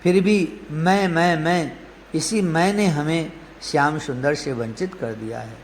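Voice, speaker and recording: A man's voice: a little high, a little slow. A man voicing a grieving young cowherd woman who pleads and laments with questions, during a devotional story in a reverberant hall. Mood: lamenting. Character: grieving young female cowherd, lovesick and self-reproaching. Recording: reverberant hall, faint noise.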